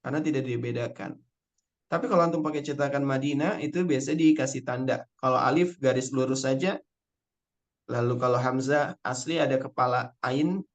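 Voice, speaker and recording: A young man teaching an online Arabic spelling lesson, patiently explaining rules step by step and repeating key words. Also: medium pitch. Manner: recites Quranic verses slowly in chant.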